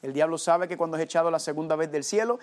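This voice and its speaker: A man's voice: on the high side, fast. A man preaching a Bible study sermon, calling his listeners family and tossing in rhetorical questions.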